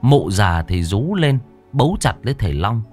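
A man's voice: on the low side, big pitch swings, moderate pace, a little mellow, husky, soft background music. A man narrating a horror story in a dramatic, suspenseful storytelling voice.

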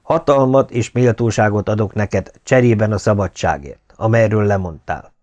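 A man voicing a stately young Inca ruler in an audiobook, speaking in a measured, formal way. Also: fairly low pitch, a little mellow, muffled recording, natural voice. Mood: solemn. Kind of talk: audiobook character reading.

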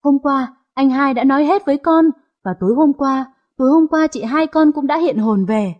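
A woman voicing a shrewd, gentle youngest daughter who speaks calmly and probes. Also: high-pitched, moderate pace, lo-fi sound, lightly acted. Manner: calm, probing.

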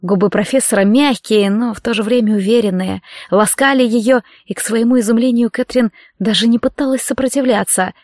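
A woman narrating a romance audiobook in an expressive storytelling manner. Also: on the high side, fairly quick, few pauses, no echo, studio quality.

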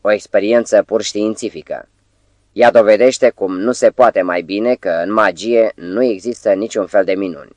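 A man's voice: fairly low pitch, darkish tone, no echo, lightly acted. A man voicing a nervous male stage compere who addresses an audience in a sonorous, showman-like way, in an audiobook. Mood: forced confident.

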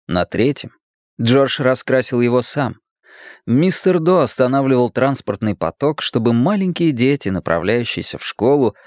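A man's voice: mid-range voice, darkish tone, dry recording. Male audiobook narrator, dry studio read. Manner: reads character lines in raised, stammering voices. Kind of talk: scripted narration.

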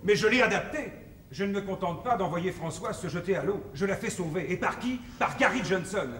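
Male, high voice, pompous, exasperated show-business schemer; 1960s film comedy, echoey, noisy old soundtrack. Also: lively intonation, a little fast, recorded from a distance. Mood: boastful explaining. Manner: theatrical, exasperated, emphatic, declamatory. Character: excitable, scheming, self-important male show-business publicist.

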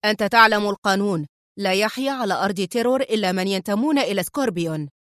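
A woman voicing a menacing male crime boss who speaks in a cold, stern, deliberate way. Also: medium pitch, animated, dry recording, clean studio sound, close to an everyday voice. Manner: stern, slow and icy.

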